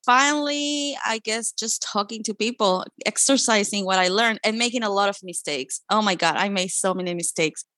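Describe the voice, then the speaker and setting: A woman's voice: medium pitch, normal speed, few pauses, bright, forceful tone, dry recording. A woman from Chile with a Chilean Spanish accent and Spanish as her first language, telling her own story in an earnest, reflective way. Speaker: interviewee. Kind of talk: personal storytelling.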